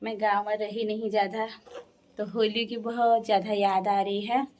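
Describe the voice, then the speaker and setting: A woman's voice: medium pitch, flat delivery, darkish tone, a little hiss or hum. A young woman from the Uttarakhand hills, chatting casually to her viewers as a vlogger and laughing often. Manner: chatty, laughs often, sings folk songs slowly. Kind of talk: casual storytelling.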